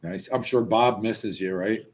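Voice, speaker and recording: A man's voice: on the low side, measured pace, a little hiss or hum. An American man co-hosting a casual show in a friendly, welcoming manner. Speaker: show co-host. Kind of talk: casual chat.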